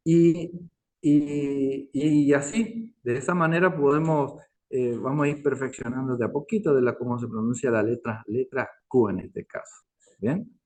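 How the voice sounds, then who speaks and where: A man with a mid-range, slightly mellow voice teaches a language class online, patient and repetitive, constantly checking in with his listeners. He speaks slowly, repeats words, and asks "¿no es cierto?"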